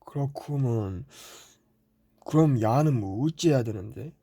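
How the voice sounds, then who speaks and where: A man voicing a blunt, rough-tongued middle-aged uncle who talks in a thick regional dialect, in a comedy skit. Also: mid-range voice, lively intonation, unhurried, mellow, no echo, studio quality. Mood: grumbling.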